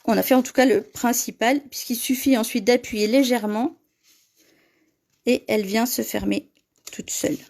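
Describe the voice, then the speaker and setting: A woman's voice: a little high, normal speed, gravelly, a little mellow. A woman hosting a live paper-craft tutorial, chatting with viewers and laughing often as she reads their comments.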